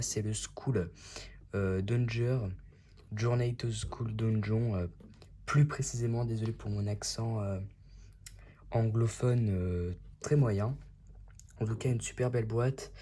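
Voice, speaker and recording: A man's voice: on the low side, warm tone, slight background noise. A man hosting a casual unboxing vlog, talking in a chatty and enthusiastic way. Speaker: YouTube host.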